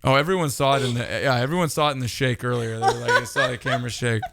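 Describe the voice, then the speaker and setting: A man in his thirties hosting a casual interview, joking and teasing in quick bursts. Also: medium pitch, wildly swooping pitch, vocal fry, very noisy. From California. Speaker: interview host.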